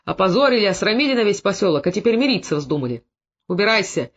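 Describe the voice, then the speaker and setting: A man doing a hoarse wrathful old-school father. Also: high-pitched, very animated, quick pace, fairly bright tone, exaggerated voice. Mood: bitter. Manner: hoarse, gruff, through clenched teeth. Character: stern middle-aged male Cossack father, wrathful. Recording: dull lo-fi recording.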